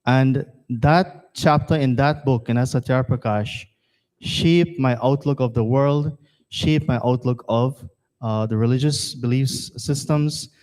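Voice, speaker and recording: A man's voice: mid-range voice, slow pace, darkish tone. A man from Guyana, chairing a temple service in an earnest, rhetorical formal address that repeats phrases for emphasis. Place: temple hall.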